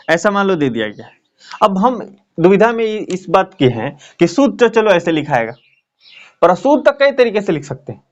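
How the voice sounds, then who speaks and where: A man's voice: sits high, highs cut off. A man teaching a grammar lesson at a board, explaining in a chatty way and checking in often with his students. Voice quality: talks in a chatty explaining way with frequent check-ins.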